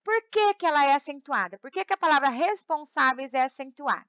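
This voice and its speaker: High, bright-voiced Brazilian teacher. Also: female voice, expressive, brisk, no echo. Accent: Brazilian Portuguese. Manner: patient, repeats words and checks in with "tá?". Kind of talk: recorded remote class lesson. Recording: slightly dull, dry close recording.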